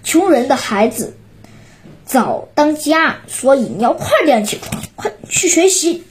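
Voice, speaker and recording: A woman voicing a brisk, bossy mother in a children's story, giving firm, hurried orders. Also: high-pitched, animated, rough recording.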